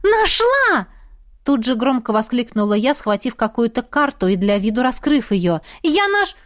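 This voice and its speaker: A woman giving an expressive, dramatic reading as a fantasy audiobook narrator. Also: on the high side, moderate pace, no room sound, studio quality.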